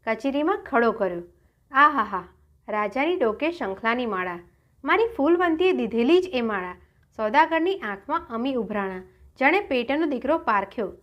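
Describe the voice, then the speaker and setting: A woman storyteller narrates a folk tale with drama and many exclamations. Her voice sits high. The delivery is expressive throughout. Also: highs cut off.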